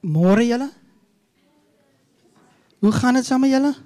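A woman's voice: high-pitched, expressive, unhurried, mellow. A woman with a South African Afrikaans accent leading an interactive children's sermon, coaxing and questioning as she switches between English and Afrikaans. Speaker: children's church leader.

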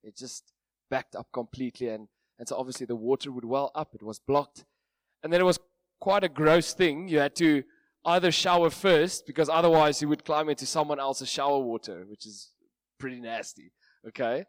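A man with an Afrikaans accent, a native Afrikaans speaker, gives an informal sermon in a hoarse, strained voice with a self-deprecating, jokey manner. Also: mid-range voice, moderate pace, no room sound. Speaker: preacher.

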